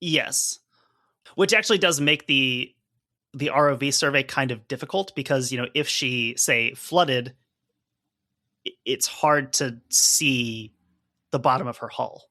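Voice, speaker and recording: A man's voice: mid-range voice, measured pace, long pauses, bright, forceful tone, no room sound, studio quality. A man co-hosting a podcast, reading from a report and chatting casually with lots of fillers. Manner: conversational, hedging with fillers while explaining. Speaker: podcast co-host.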